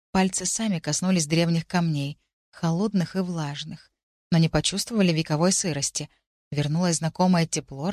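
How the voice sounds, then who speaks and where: Low-voiced woman narrating a story. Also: a little mellow, dry recording, clean studio sound. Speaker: audiobook narrator. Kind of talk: scripted first-person narration.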